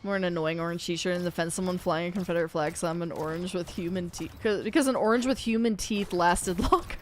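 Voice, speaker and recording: A woman's voice: lowish voice, fast talker, slight background noise. Slangy, sweary frat-bro woman gamer. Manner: slangy frat-bro talk, says bro and dude; swears freely. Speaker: live game streamer. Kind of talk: casual gameplay chat and commentary.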